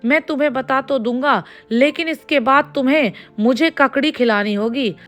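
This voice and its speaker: Woman voicing a fussy male ghost, grumbling, storybook tale, high voice, faint music behind. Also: normal speed, fairly bright tone. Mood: soothing. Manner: grumbling, then kindly and boastful. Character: lazy fussy male ghost living in a tree.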